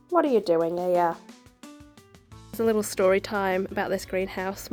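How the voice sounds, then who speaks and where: This thirty-something woman vlogs about gardening from her backyard greenhouse, her mid-range voice carrying a darkish tone. She's congested and nasal with a cold, and her casual talk wanders, full of ums.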